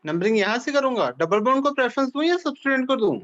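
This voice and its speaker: A man's voice: extremely high pitch, big pitch swings, rapid-fire, fairly bright tone, highs cut off. A man teaching an organic chemistry class, explaining step by step and checking in with questions to his students. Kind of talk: classroom lecture.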